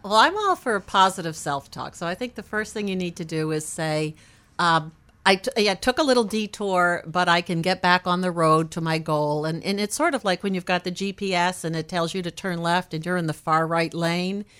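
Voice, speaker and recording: A woman's voice: on the low side, moderate pace, fairly bright tone, clean tone. A woman guest on a radio show, giving cheerful, encouraging advice in a casual chat and laughing easily. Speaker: weight loss program manager, radio guest.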